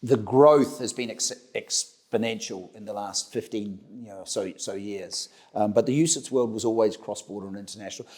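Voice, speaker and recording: His voice sits fairly low and has a darkish tone, and he keeps a moderate pace with few pauses. The speaker is a middle-aged Kiwi company director answering interview questions conversationally, with plenty of repeated words and restarts.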